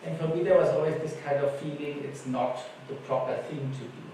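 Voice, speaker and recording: Here a conference panelist from Germany, German by mother tongue, spins relaxed anecdotes in a fairly high, dark-toned voice. His delivery is brisk with fairly even intonation. Captured on a distant mic in an echoing conference hall, the audio carries faint noise.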